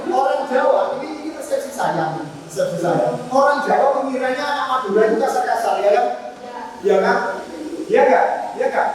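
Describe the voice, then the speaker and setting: A man's voice: extremely high pitch, moderate pace, far from the mic, crowd noise. Man teaching in an echoey classroom. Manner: animated, acts out short nurse-patient exchanges. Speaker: student teacher. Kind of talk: classroom lesson.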